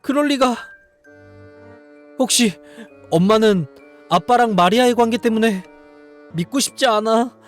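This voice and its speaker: A man voicing a frightened young girl who pleads in a high, tearful voice. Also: unhurried, pauses often, soft background music. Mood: pleading. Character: frightened young girl searching for her father.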